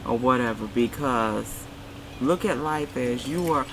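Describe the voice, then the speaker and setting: A woman co-hosting a casual chat, calmly offering life advice. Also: extremely low pitch, measured pace. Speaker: co-host. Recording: noisy background.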